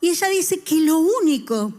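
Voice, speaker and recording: A woman's voice: very high-pitched, normal speed. A middle-aged woman, preaching a sermon and asking the congregation questions. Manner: lively, talks with the congregation and asks them questions. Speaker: church speaker.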